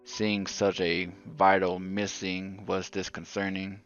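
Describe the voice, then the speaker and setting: A man reads a horror story in a very deep, flat voice, keeping his delivery slow and subdued. The recording sounds dull and lo-fi, and soft music plays faintly underneath. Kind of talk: scripted horror narration.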